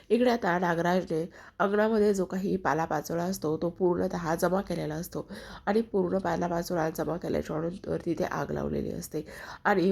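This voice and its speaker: A woman recounts a serial's scenes in a running, chatty present tense. Her voice is low and husky, with a gravelly edge. She takes on each character's lines herself. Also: mellow. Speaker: serial recap narrator. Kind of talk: casual storytelling recap.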